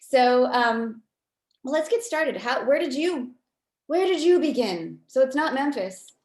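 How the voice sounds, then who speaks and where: Host, forties, higher voice, chatty and upbeat, echoey room on a call. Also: female voice, expressive, a little slow, darkish tone. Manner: chatty and upbeat, laughs often. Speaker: host, professor. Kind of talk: casual interview over video call. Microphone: video call. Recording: roomy video call audio.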